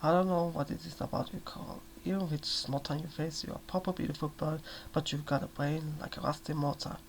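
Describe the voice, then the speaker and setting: A quiet, menacing young man, as a male reader puts him on, cold and dismissive, talking soft and low. The voice sits slightly high with a gravelly edge. It is a soft-spoken ASMR reading with a faint hum behind it. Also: fairly even intonation, brisk.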